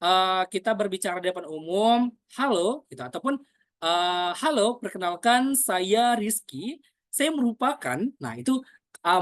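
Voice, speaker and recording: A woman's voice: on the low side, no echo. A woman teaching a public speaking lesson as a coach. She fills her phrases with "nah" and "eh", voices example lines aloud, and asks herself questions in the name of "Coach". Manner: frequent "nah" and "eh" fillers between phrases. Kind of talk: spoken training lesson.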